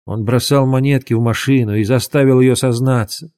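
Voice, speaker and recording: A man voicing an earnest, imaginative boy who talks in quick, hushed, urgent bursts in a storybook reading. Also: medium pitch, fairly even intonation, clean tone, lightly acted. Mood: explaining.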